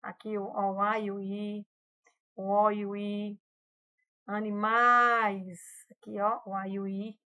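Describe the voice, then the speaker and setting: A woman teaching a lesson, walking students through slides patiently and often pausing to check they follow. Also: mid-range voice, completely flat delivery, smooth. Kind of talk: classroom lesson explaining slides.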